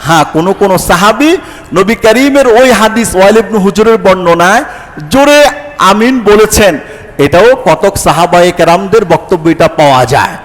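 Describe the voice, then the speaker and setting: High-voiced preacher in a reverberant hall. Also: male voice, expressive, normal speed. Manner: rhetorical questions answered himself, Arabic recitations. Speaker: Islamic preacher. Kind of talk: sermon.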